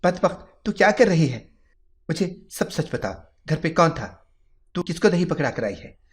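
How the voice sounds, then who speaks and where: A man's voice: fairly high pitch, very animated, voice pushed up. A man voicing a secretive middle-aged mother in a story, who swings between scolding and soothing. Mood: angry. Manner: anxious and scolding.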